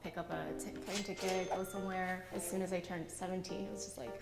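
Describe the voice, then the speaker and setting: Relaxed woman in her late twenties. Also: lowish voice, brisk, gravelly, reverberant, long reverb tail, loud music behind the voice. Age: 20s. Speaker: interviewee. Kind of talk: casual interview answers.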